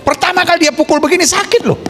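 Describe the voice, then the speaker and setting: A male pastor giving a lively sermon, asking the congregation questions and acting out small scenes in put-on voices. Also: extremely high pitch, fast.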